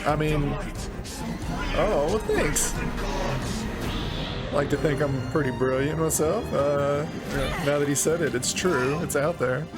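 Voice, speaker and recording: A man's voice: on the high side, slow pace, pauses often. A man giving casual, slangy playthrough commentary as a gaming host, with wry joking reactions. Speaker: gaming video host playing through a game. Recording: commentary over loud game audio. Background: game music and effects.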